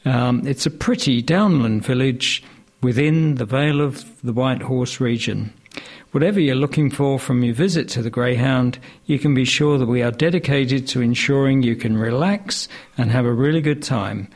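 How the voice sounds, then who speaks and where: A man reading a local news story aloud, hesitant and filling pauses with uh sounds. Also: mid-range voice, a little mellow. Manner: hesitant, many filler sounds. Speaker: news reader.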